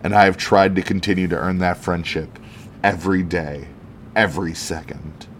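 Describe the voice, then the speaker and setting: A man reading out the earnest, measured public speech of a heroic male alien superhero. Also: deep voice, steady tone, slight background noise. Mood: solemn. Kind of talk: reading a comic speech aloud.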